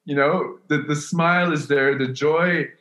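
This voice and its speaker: Slow, reflective male podcast host. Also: a little high, fairly even intonation, a bit bright. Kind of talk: spiritual conversation.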